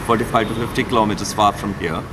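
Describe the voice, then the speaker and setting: A man giving travel advice in a halting, casual way outdoors. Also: fairly low pitch, steady tone. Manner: halting, with uh fillers, fast. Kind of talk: casual conversation. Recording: street noise.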